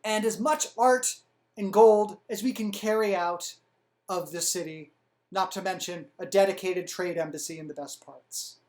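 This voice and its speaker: A woman putting on a put-on Italian accent to voice a gruff, domineering old male doge who talks in a blunt, commanding, threatening way. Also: lowish voice, measured pace, darkish tone, close to an everyday voice.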